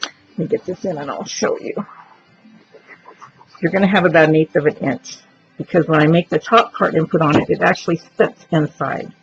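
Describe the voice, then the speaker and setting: A woman's voice: sits low, fairly even intonation, moderate pace, faint music behind. A woman giving a chatty step-by-step crafting demonstration, explaining each move aloud as she works. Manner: chatty, explains while working, thinks aloud. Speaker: craft tutorial presenter. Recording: dull lo-fi recording with faint noise.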